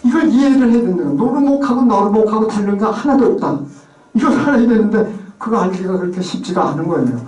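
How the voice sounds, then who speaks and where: Man, high voice, chatty informal lecture, imitating regional speech, recorded from a distance. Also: expressive, fast talker, a little mellow. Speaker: lecturer on place names. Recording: echoey room, mic far away.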